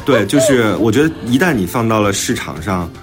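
Brisk and lively in intonation, this fairly low-pitched man is an author and podcast host chatting casually about his own book. He reflects on his thinking as he explains it, while music plays behind the talk.

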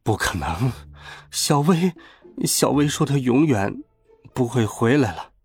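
A man voicing a drunk, heartbroken man who speaks slowly and low. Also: animated, a little mellow, husky, faint music behind, heavily acted. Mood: gloomy.

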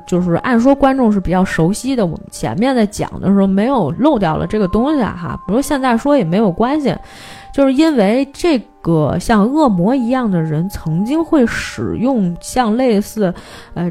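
A woman, hosting a casual film podcast and retelling a plot in lively detail. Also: medium pitch. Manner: animated storytelling, briefly mimics characters' lines.

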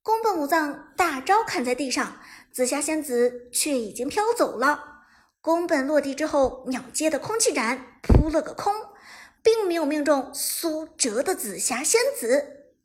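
A woman reading a web novel aloud as narrator, in lively storytelling that breaks into fast, shouted game commentary. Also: high-pitched. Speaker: audiobook narrator.

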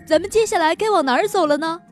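Woman doing Boots, an excitable young monkey. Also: very high-pitched, soft background music, pitched above the performer's own voice. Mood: excited. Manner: excited, quick. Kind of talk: storybook read-aloud for children.

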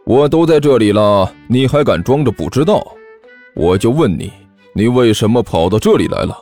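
Brief: stern sneering teacher, put on by a man, lower and cold, soft music under. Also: animated, moderate pace.

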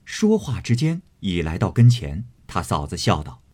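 A man narrates a classic novel as an audiobook, taking on each character as he goes. His voice is husky. His intonation rises and falls with lively expression. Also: sits low, moderate pace. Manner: storytelling, voicing each character.

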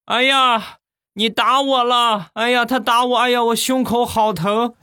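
A man voicing an old man who fakes an injury and wails loudly and theatrically. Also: moderate pace, noisy background, close to an everyday voice. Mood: wailing. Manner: shrill, theatrical wailing.

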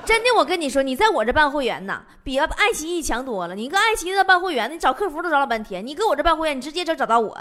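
A woman's voice: sits high, big pitch swings, rapid-fire, few pauses, a bit bright, slight background noise. A young woman with a Northeastern Chinese accent, telling comic stories and laughing at her own jokes. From Northeast China. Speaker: comedy show host. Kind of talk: scripted comedic storytelling.

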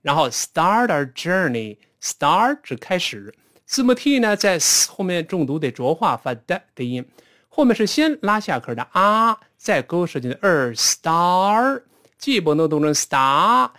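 A man teaching spoken English, patiently explaining pronunciation and modelling phrases slowly. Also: a little high, sing-song, fairly bright tone.

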